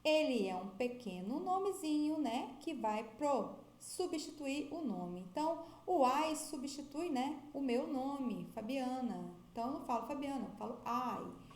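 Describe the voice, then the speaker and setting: A woman's voice: high-pitched, expressive, a little slow, darkish tone, echoey room. A Brazilian woman teaching an English grammar video lesson. She has a Brazilian Portuguese accent and moves between English and Portuguese, stretching out her example sentences.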